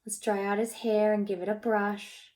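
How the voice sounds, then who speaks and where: A childcare teacher, speaking in a mid-range voice at a moderate pace, reads a picture book aloud to young kids. She's lively and gently encouraging, asks them questions as she goes, and often hushes into a near-whisper.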